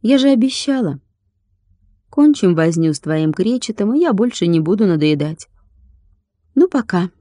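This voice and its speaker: A woman's voice: mid-range voice, big pitch swings, moderate pace, long pauses, warm tone, no echo, clean studio sound. A woman voicing a sensible young girl who teases a little and talks down to her friend. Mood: teasing. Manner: teasing, a little condescending.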